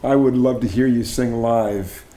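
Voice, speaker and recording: A man's voice: medium pitch, fairly even intonation, measured pace, warm tone. A man interviewing a guest in a casual way, prompting him with short reactions. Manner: friendly, prompting with short "wow" and "right".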